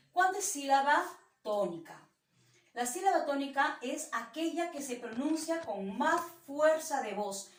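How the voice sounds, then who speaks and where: A woman teacher with a Peruvian Spanish accent giving a class lesson, patient and explanatory, repeating example words slowly. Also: on the high side. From Peru. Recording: echoey room, voice from a distance.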